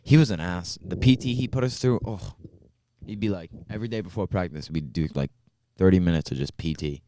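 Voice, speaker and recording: A man's voice: deep voice, fairly quick, warm tone. A young man co-hosting a podcast, swearing freely and telling boastful stories. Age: young adult. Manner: crude, swearing, boastful storyteller. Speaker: podcast co-host. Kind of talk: casual chat.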